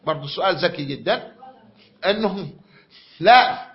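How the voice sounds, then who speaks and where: Dull, lo-fi audio from a lecture room carries a man's high, expressive voice at moderate speed. He has an Egyptian Arabic accent, and his classroom lecture is full of repetition and questions put to the students.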